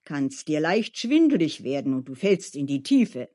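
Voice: medium pitch, sing-song, moderate pace, warm tone. A storyteller voicing a careful, gloomy male gardener who warns and grumbles, in a storybook reading. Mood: warning. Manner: warning, grumbling.

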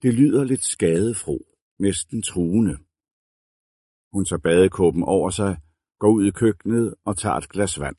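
A man reading a novel aloud as a narrator, in a measured, deliberate way. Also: low voice, lively intonation, dark tone, breathy edge, no room sound, clean studio sound. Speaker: audiobook narrator. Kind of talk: scripted narration.

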